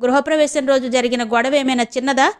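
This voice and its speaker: A woman voicing a defensive, sharp-tongued grown daughter who snaps back in a raised voice in an audio novel. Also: high voice, steady tone, fairly quick, natural voice.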